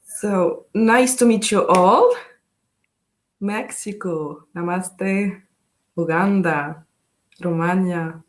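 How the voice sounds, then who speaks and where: A young Tunisian woman whose first language is Tunisian Arabic moderates a live online panel as session host. She has a fairly low voice and a Tunisian accent, speaks haltingly with frequent fillers, and switches between English, Arabic and French.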